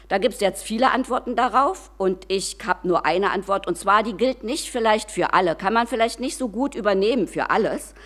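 A woman giving a personal devotional sermon, speaking conversationally and often tagging "ne" onto her sentences. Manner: conversational, often adds tag question "ne"; slows and lowers voice for quiet reflective passages.

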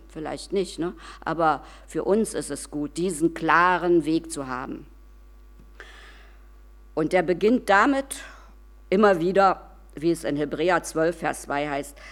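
A woman giving a personal devotional sermon, speaking conversationally and often tagging "ne" onto her sentences. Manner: conversational, often adds tag question "ne"; slows and lowers voice for quiet reflective passages.

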